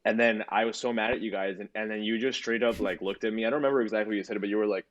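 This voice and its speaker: Racing through a long tale, this twenty-something podcast co-host speaks in a lowish, steady voice, cursing often and filling gaps with fillers as he rambles. The audio is dull.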